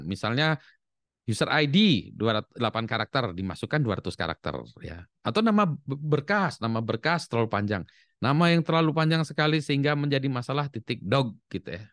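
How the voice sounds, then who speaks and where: A man's voice: mid-range voice, a bit bright, dry recording. Guy lecturer, chatty and loose, medium voice, dead dry room. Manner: loose and conversational, tags sentences with 'ya'. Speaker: university lecturer. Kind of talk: casual classroom lecture.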